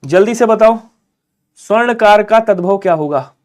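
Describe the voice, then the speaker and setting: High-voiced man teaching a quick class. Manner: urges viewers to comment quickly, answers in students' voice. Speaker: Hindi teacher. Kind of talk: live online exam-prep class.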